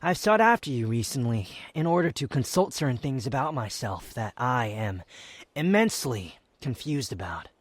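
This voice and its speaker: Man acting haughty Wanderer, dry and expressive. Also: medium pitch, no echo. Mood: guarded, formal. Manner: haughty, formal wording, halting, sighs and scoffs. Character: aloof, proud, sardonic young male wanderer confessing reluctant affection. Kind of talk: intimate scripted roleplay ASMR, fan audio drama.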